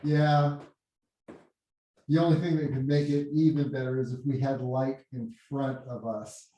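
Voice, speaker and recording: A man hosts a meeting in a casual, halting way, often repeating a word before going on, his mellow voice showing little pitch movement. He sits well back from a computer mic in a very echoey meeting room with windows and blinds, so his voice booms back hollow, like he's speaking in a cave or hole. The recording sounds muffled.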